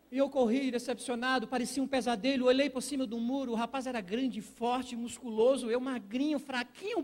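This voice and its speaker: A man with a Brazilian accent preaching a sermon in a church, telling a personal story with emotion and acting out his younger self. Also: very high voice. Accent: Brazilian Portuguese. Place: church auditorium.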